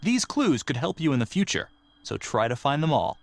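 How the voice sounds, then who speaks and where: An actor voicing a game narrator, reading scripted instructions to the players. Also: male voice, medium pitch, big pitch swings, normal speed, gravelly, no echo. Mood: instructive. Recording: voice over game music.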